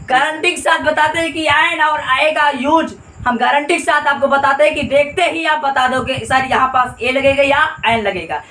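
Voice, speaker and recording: In an echoey room picked up by a distant mic, a grammar teacher with a very high, sharp voice explains the lesson. He keeps repeating points and peppers his listeners with questions.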